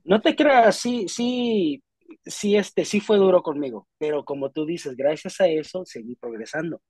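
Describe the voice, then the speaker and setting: Young guy being interviewed, kinda husky, dry close sound, rambles and restarts a lot. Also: fairly high pitch, measured pace, no echo. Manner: animated storytelling with many restarts. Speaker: interview guest. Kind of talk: casual conversational interview.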